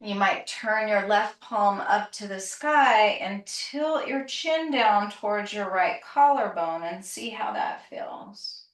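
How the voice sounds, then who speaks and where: The recording captures a woman from a bit of a distance in a spacious, echoing room as she teaches yoga. She leads a calm grounding exercise with very slow, gentle breath and movement instructions, her pitch medium and her manner soothing.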